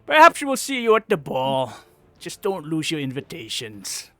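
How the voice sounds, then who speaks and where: A man voicing a sly, boastful hobgoblin mercenary in a tabletop game, gravelly, with haughty, mocking, drawn-out taunts. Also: fairly high pitch, huge pitch swings. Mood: dismissive.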